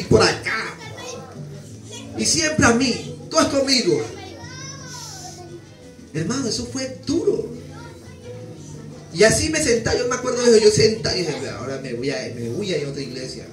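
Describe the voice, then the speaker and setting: A man's voice: high-pitched, roomy sound, recorded from a distance. A man preaching, giving an emotional testimony and calling his listeners brother again and again. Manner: emotional, keeps addressing listeners as "hermano". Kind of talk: sermon testimony. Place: church.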